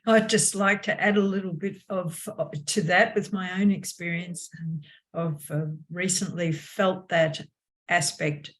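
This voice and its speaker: A woman from Australia co-hosts a spiritual Q&A, reading out audience questions. She speaks slowly and softly with hesitant pauses. Her voice sits somewhat low. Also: fairly even intonation. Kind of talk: spiritual Q&A talk.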